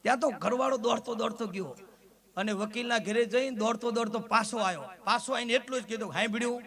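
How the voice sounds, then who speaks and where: A man, telling comic folk stories on stage and acting out the characters. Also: fairly quick. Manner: animated, acts out characters with pitch jumps. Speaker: folk comedian and storyteller. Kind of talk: Gujarati dayro comic storytelling. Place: temple stage event.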